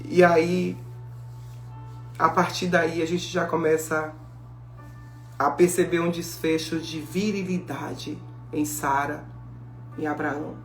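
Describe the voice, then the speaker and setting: Female preacher, lively sermon delivery, roomy echo with soft music behind. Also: low voice, takes it slowly, long pauses. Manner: animated storytelling, acting out biblical dialogue. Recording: echoey room with faint music.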